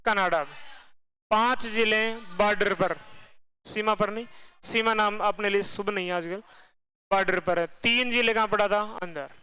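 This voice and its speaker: A man teaching a geography class, firing quick questions at his students and repeating the answers himself. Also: high voice, pushed and bright, clean tone, low-quality recording.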